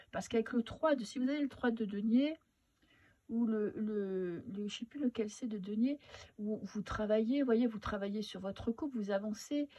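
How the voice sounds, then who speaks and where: Husky woman with a weak, tonsillitis-sore voice. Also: fairly high pitch, warm tone. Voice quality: husky, not very powerful. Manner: hesitant, halting, advising listener directly. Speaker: tarot reader and medium. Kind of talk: casual spoken tarot reading.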